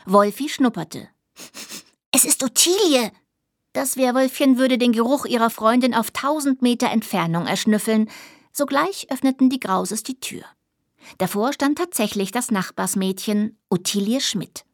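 A woman reading a children's audiobook aloud, lively and giving each character its own voice. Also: a little high, moderate pace, no echo, studio quality. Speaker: audiobook narrator.

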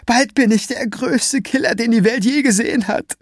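A man reading aloud and voicing a boastful, vicious young male killer in a shrill, hissing voice. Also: normal speed, no room sound, clean studio sound. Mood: enraged.

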